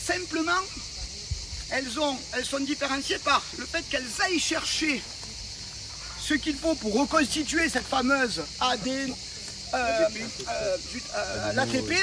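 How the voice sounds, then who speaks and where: A man's voice: extremely high pitch, recorded from a distance, noisy background. A man coaching trainees, explaining energy systems and checking that they follow. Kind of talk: explaining sports physiology to trainees.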